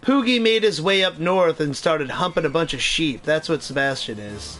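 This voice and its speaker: A young man streaming a game, chatting casually and excitedly, swearing freely and talking back to the game. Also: on the high side, moderate pace, soft background music. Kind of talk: casual gaming commentary.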